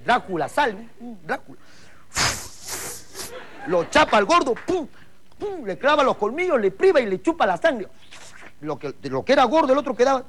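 A man telling jokes casually, animated and laughing into his punchlines, on a noisy recording. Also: extremely high pitch, moderate pace, pauses often. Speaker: joke teller.

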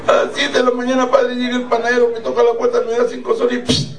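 A brazen young woman confesses in a high, breathy, coy voice, played by a male comedian. The voice sits very high. It is heard from afar in an echoey hall. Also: monotone, fast, distant mic.

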